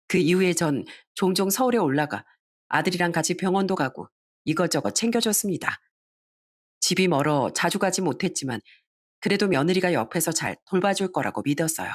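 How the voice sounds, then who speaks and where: An older woman narrating a personal family story in a confiding, storytelling way. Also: fairly low pitch.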